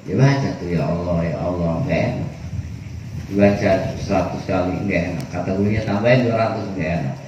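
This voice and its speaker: A man's voice: low voice, fairly quick. A man teaching a religious study, telling stories in casual slang-filled talk. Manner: casual storytelling with Betawi slang. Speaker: kiai teaching a kitab study. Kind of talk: sermon. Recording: echoey room from far off, faint noise.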